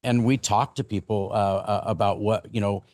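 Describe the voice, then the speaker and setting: An American man speaking as a business guest in a podcast interview, explaining things with halting, repeated words. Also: fairly low pitch, steady tone, darkish tone, no room sound.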